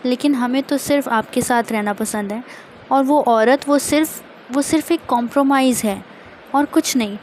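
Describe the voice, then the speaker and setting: A woman voices a self-assured young husband who teases and coaxes his wife. The voice sits fairly high, and it drops soft and low whenever he turns tender. A faint hiss runs underneath. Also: moderate pace, natural voice. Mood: coaxing. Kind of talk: storytelling a romance.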